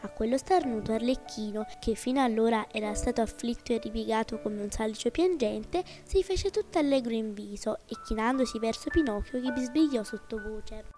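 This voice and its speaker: A woman narrating a storybook podcast in an expressive, measured way, her voice a little higher than most. Clear music plays behind her throughout. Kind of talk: audiobook narration.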